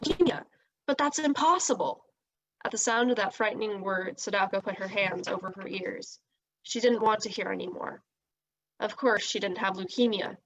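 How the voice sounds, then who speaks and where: A woman reading a children's novel aloud, with steady, expressive storytelling. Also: medium pitch, normal speed, low-quality recording. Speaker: reader.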